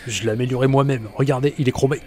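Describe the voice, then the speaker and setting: Un homme jouant un mécano bluffeur et beau parleur. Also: male voice, mid-range voice, fairly even intonation, rapid-fire, darkish tone, natural voice. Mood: boastful. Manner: glib, repetitive, salesman-like patter. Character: bluffing, reassuring male mechanic boasting of his upgrades.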